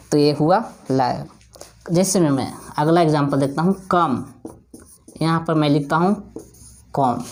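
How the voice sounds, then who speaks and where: A man teaching an English lesson, explaining spelling and pronunciation, asking and answering his own questions and repeating words slowly to drill them. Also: fairly high pitch, a little mellow.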